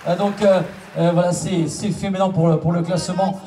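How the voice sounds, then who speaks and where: A male race announcer heard from a distance through a loudspeaker. He keeps repeating lap counts and time gaps and pushes the roadside spectators to cheer. The recording is distant and outdoorsy, with clear background noise. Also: high voice, little pitch movement, a little fast. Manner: repetitive, urging the crowd to applaud. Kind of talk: live public-address race commentary.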